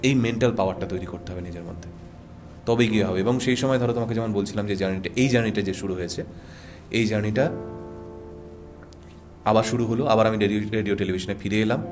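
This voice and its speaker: A man's voice: on the low side, quick pace, long pauses, over music. A man who works as a radio jockey and voice artist, giving earnest advice in a podcast conversation, with a Bengali accent and rhythmic, emphatic repetition.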